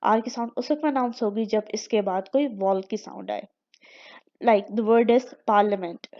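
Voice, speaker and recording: A young adult woman teaching a language lesson, with careful, deliberate enunciation of her example words. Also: mid-range voice. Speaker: English teacher. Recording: dull lo-fi recording.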